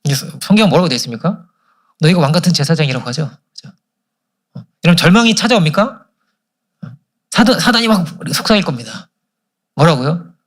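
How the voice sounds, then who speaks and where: A male pastor delivers a sermon at a church service, firing off questions to the congregation and answering them himself. His voice sits a little high and swings widely in pitch. He talks at a quick clip. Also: lively intonation.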